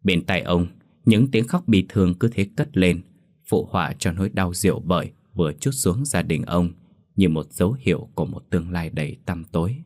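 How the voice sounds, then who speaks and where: A man tells a horror story in a slow, solemn reading. His voice sits very low and stays even. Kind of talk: scripted horror story narration.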